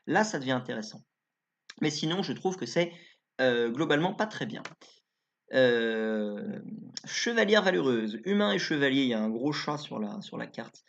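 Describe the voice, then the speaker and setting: A man giving casual card review commentary as a YouTuber, chatty and informal, thinking aloud as he goes. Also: medium pitch. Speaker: YouTuber reviewing game cards. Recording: slightly dull lo-fi recording.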